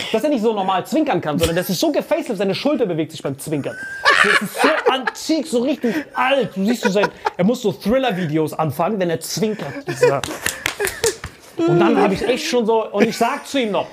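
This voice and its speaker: A man telling a story in a casual podcast chat, animated and full of swearing and mocking impressions. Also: high voice, heavy background noise. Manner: fast bursts, often laughing.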